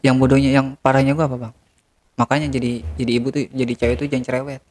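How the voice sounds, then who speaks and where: A guest on an interview recounts something he regrets, often calling the host "Bang." His mid-range voice is darkish and level in tone, and he talks quickly.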